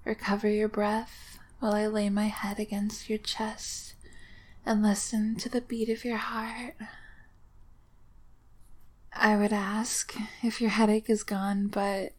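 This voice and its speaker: A woman voicing a devoted, adoring tentacled female creature, speaking in slow, breathy whispers in an intimate audio roleplay. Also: medium pitch, lightly acted. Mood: tender whisper. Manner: slow breathy whispering, calls listener master. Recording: steady background hiss.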